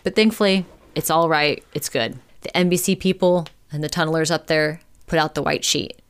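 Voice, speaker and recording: Low-voiced woman telling a story casually. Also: moderate pace, smooth. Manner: chatty, lots of "like" fillers, occasional swearing. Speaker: podcast storyteller.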